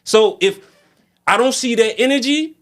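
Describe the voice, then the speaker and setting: Notably high and a bit bright, this man's voice moves at a normal speed as he guests on a show as a music artist. He vents casually in slang, as if among friends, hammering each point with brief repeated phrases.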